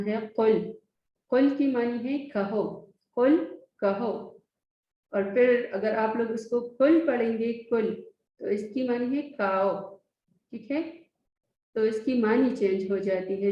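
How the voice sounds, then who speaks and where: A woman teacher giving a recorded lesson to young children, stretching out each letter name for them to repeat. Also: on the high side. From Pakistan. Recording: echoey, dull lo-fi recording.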